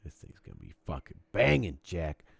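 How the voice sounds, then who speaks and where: A man with a very low voice talks on a casual podcast, swinging his pitch widely as he rambles. He swears freely and keeps jumping between stories. The sound is dry and close, with no room echo. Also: normal speed, gravelly, breathy edge. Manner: profane, rambling, animated storytelling. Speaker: podcast co-host. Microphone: desk mic with cameras.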